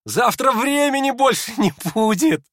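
A man puts on a sick young man in a feverish, hysterical fit, his voice jumping high and sharp. He talks in a shrill, excited rush, laughing strangely, recorded close and dry like a storybook reading. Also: unhurried, no echo. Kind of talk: audiobook character reading.

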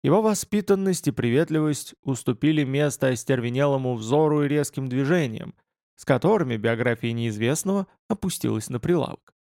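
A man reads an audiobook in steady, measured narration. His voice sits at a middling pitch. The recording is dry and close, with no room sound. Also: no echo. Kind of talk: scripted narration.

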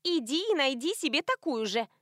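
A woman's voice: normal speed, no room sound, studio quality. A woman voicing a tipsy, dreamy young woman who is giggly and stubborn, in an audiobook story. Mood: tipsy, giddy. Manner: sing-song, high and excitable.

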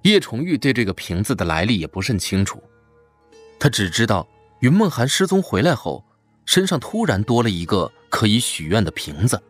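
A man narrating a fantasy web novel in an expressive storytelling style. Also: fairly low pitch, moderate pace, faint music behind. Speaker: audiobook narrator.

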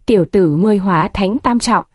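A woman's voice: medium pitch, a little fast, a little mellow, husky, no echo, studio quality, lightly acted. A woman reading a whiny, blustering male Taoist.

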